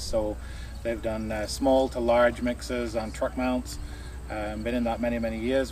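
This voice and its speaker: A man's voice: fairly low pitch, darkish tone, far from the mic, slight background noise. A man in his thirties, a product specialist giving a casual outdoor equipment demo, with frequent fillers. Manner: casual, many fillers, explanatory. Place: outdoors at a farm equipment show.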